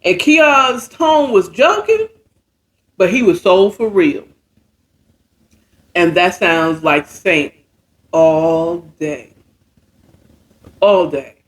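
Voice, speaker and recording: A high-voiced American man hosts a retelling of a story, reacting with commentary in a loose, slang-heavy style and tossing in rhetorical questions. He speaks extremely slowly with frequent pauses, sounding expressive and a bit bright, and acts out the characters' lines.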